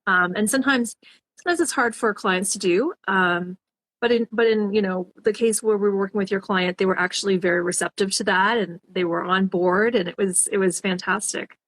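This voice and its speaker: A woman's voice: medium pitch, steady tone, fairly quick, a bit bright. Woman organizer giving practical advice. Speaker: professional organizer, guest. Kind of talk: casual interview chat.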